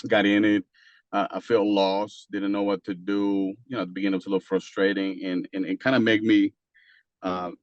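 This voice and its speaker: A man from Costa Rica, a native Spanish speaker with a Costa Rican Spanish accent, talking as an interview guest in a halting way with many fillers and restarts. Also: sits low, dry recording, lo-fi sound. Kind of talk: casual interview talk.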